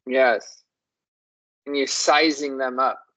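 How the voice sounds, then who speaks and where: A language show host who muses slowly and says words aloud to compare how they sound. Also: medium pitch, level tone, fairly bright tone, low-quality recording. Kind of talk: slow, exploratory discussion of word sounds.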